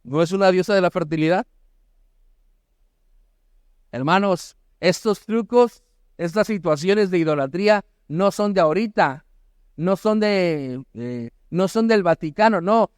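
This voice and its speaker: A middle-aged male pastor preaching a sermon, emphatic, with rhetorical questions and bursts of shouted exhortation. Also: sits high, unhurried, clear, resonant tone, no room sound, studio quality.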